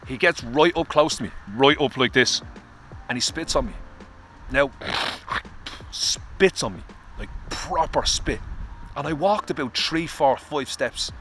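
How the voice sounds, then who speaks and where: Irish male vlogger, bright forceful tone, open and confessional, casual swearing, faint traffic behind. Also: medium pitch, slow pace. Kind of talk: candid personal vlog. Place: outdoors in the cold.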